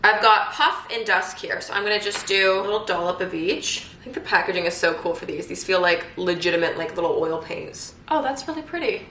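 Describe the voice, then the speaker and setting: Fairly quick and animated, with a mid-range, fairly bright voice and almost no pauses, a woman in her twenties chats through a makeup tutorial. The beauty vlogger is upbeat and filler-heavy, recording at home in quarantine in an echoey room with faint noise.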